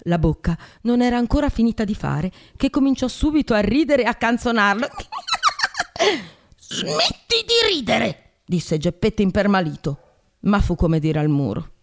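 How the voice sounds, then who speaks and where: A woman's voice: mid-range voice, animated, fairly quick, darkish tone. Woman reading a classic tale aloud. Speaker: podcast host.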